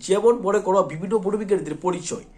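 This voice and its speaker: Fast-talking high-voiced male teacher. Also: mellow, slight background noise. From Tripura, India. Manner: repetitive, reassuring, checks in often with "thik ache". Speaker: exam coaching teacher. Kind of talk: spoken exam-prep lesson.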